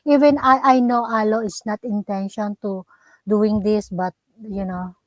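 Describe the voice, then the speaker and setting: A woman with a Filipino accent speaks in a casual group chat. Her pitch is average and her delivery is halting and apologetic. The sound is dry, with no echo. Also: fairly even intonation.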